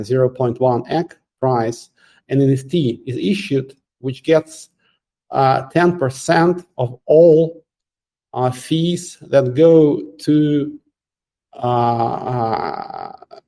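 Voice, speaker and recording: Male host, middle-aged, warm low-key voice, halting and filler-heavy live Q&A delivery. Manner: halting, many fillers and restarts, occasional laughs. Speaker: AMA host answering community questions. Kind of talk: casual live Q&A.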